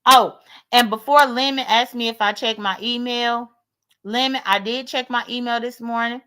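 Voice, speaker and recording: In her late thirties and American-accented, this livestream host airs her grievances in blunt, sassy, freely profane chat. Her voice is on the high side and fairly bright, with a steady tone and normal speed.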